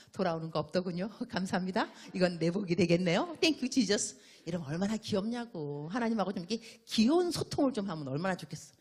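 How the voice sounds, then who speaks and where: A woman missionary preaching a sermon in an animated, playful way, acting out little dialogues. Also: lowish voice, breathy edge.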